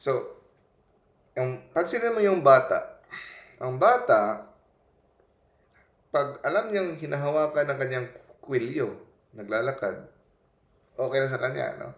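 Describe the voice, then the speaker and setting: Gentle gravelly male preacher, roomy. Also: medium pitch. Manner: gentle, conversational, often adds "no?". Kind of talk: Taglish spiritual talk.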